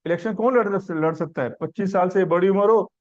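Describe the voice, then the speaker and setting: A man's voice: sits high, a little fast, highs cut off. A man teaching a civics class, asking questions and building the answer step by step through simple examples. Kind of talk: classroom lecture.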